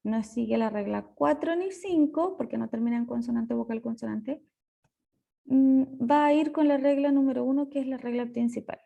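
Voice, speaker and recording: High, gravelly woman teacher explaining. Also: mellow. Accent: Chilean Spanish. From Chile. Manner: patient step-by-step explaining, slows on key words. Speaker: English teacher. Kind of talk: recorded lesson explanation.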